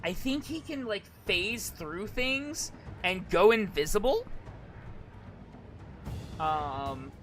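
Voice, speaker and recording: High, bright-voiced male streamer, rambling along. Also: expressive, slow, pauses often, faint music behind. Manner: hesitant, rambling, repeats and restarts phrases. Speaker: streamer, virtual YouTuber. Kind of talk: casual live-stream commentary.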